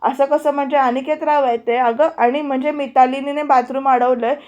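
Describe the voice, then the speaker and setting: A woman's voice: high-pitched, steady tone, normal speed, darkish tone, dull audio, natural voice. A woman narrator voicing an anxious, placating young husband in a TV serial recap.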